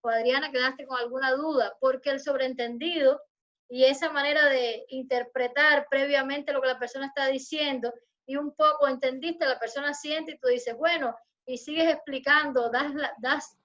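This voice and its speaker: A high-pitched woman lectures to students over a video call, her speech measured and explanatory. The audio comes through dull and lo-fi. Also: fairly even intonation, a bit bright. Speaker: university lecturer. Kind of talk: online lecture.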